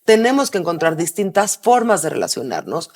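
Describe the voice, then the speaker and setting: A woman's voice: on the low side, big pitch swings, a little fast, darkish tone. A woman, co-hosting a podcast and making her points emphatically. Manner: emphatic, argumentative. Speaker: podcast co-host. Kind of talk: conversational podcast.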